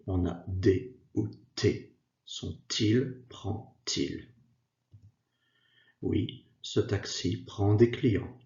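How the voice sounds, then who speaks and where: A man giving a slow, scripted grammar lesson as a French teacher, carefully spacing out each example sentence. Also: fairly low pitch, mellow. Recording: echoey, dull lo-fi room sound.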